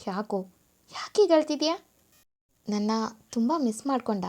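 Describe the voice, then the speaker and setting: A woman reading a story voices a young husband who softly coaxes his wife. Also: on the high side, expressive, measured pace. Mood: tender. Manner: soft, coaxing. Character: young husband, tender and coaxing.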